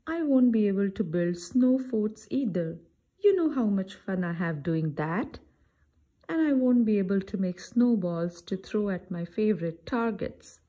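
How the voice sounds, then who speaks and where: A woman's voice: medium pitch, expressive, measured pace, mellow, dull audio. A woman voicing a grumbling, reluctant male rabbit in a children's storybook, with a complaining manner.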